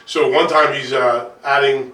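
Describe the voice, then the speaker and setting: A man hosting a podcast, telling quick, lively stories in casual interview chat. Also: medium pitch, echoey room, far from the mic. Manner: quick, energetic storyteller. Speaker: podcast host.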